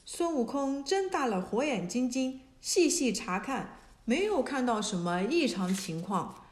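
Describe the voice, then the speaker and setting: A woman narrating a classic myth as a storybook reading. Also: on the high side. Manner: slow, even storytelling. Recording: echoey room.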